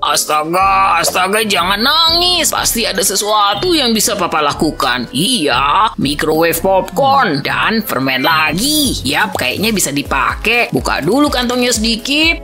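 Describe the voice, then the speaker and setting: A gentle, doting young dad in a dubbed comedy sketch. The voice is patient and soothing, with a slow, unhurried pace and a pitch that swings lively up and down. Clear background music runs behind it. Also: female voice. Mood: fond.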